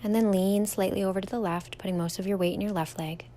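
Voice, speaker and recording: A young woman, a yoga teacher, leading a standing guided meditation in a slow, gentle, soothing way, drawing words out softly. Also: medium pitch, fairly even intonation, slight background noise.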